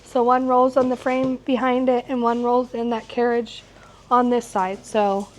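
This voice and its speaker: A middle-aged woman with a slightly hoarse voice, teaching an informal hands-on quilting class. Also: on the high side, little pitch movement, unhurried. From United States, located in Missouri. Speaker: quilting instructor. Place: shop workroom with warehouse shelving, small seated class. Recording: clear background noise in shop room.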